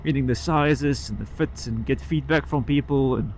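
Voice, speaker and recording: A man talking casually and haltingly from inside his helmet while riding a motorcycle, rambling like a vlogger and picking his thread back up. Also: medium pitch. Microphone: microphone inside the helmet. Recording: inside-helmet sound with road and engine noise.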